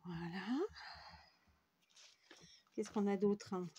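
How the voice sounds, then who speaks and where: A woman's voice: medium pitch, fairly even intonation, drawn-out words, warm tone, dull audio, slight background noise. A woman from France hosting a scrapbooking tutorial, rambling and self-mocking as she works at her craft table. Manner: rambling and self-mocking, talks while working. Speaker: scrapbooking video host.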